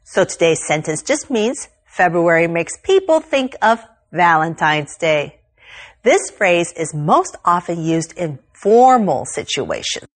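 A woman presenting a scripted grammar lesson, speaking slowly and carefully like a teacher. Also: lowish voice, sing-song. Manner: slow, careful teacher delivery.

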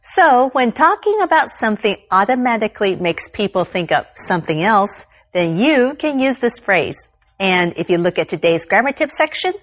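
A woman presenting a scripted grammar lesson, speaking slowly and carefully like a teacher. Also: medium pitch. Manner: slow, careful teacher delivery.

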